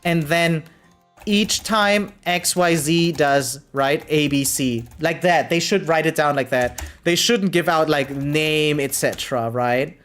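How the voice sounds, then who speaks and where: Soft music plays behind a variety game streamer whose slightly high, somewhat bright voice moves slowly. Talking casually with viewers, he's rambling, repetitive, slangy and profane, and keeps checking in by tagging lines with "right?".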